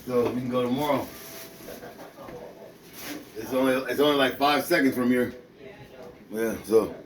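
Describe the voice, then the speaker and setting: With a medium-pitched, darkish voice, a forties-aged amateur boxer chats in a rambling way to a companion. He uses loose, repetitive street slang and keeps restarting.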